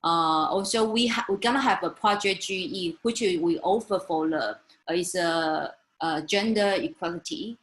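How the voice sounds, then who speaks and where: A woman from Taiwan, an English speaker, presenting slides in a webinar, halting with many fillers and restarts. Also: on the low side, fairly bright tone, low-quality recording.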